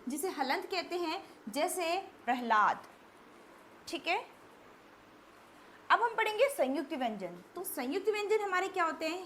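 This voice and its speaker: A woman's voice: high voice, fairly bright tone, slight background noise. A woman teaching a children's grammar lesson, explaining step by step and often checking in with her listeners.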